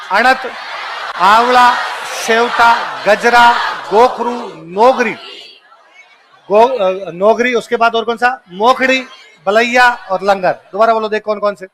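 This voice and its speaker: Male exam-coaching teacher, Rajasthani accent, high voice, drills lists call-and-response, faint classroom murmur. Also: fairly bright tone, a little hiss or hum.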